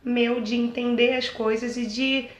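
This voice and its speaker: Sharing her experience of dyslexia in a casual talk to camera, this Brazilian woman speaks Brazilian Portuguese in a fairly high, unhurried voice with little pitch movement, in an echoey room. She is chatty and earnest, repeatedly asking "entendeu?" to make sure she's understood, and becomes pleading when she speaks to teachers.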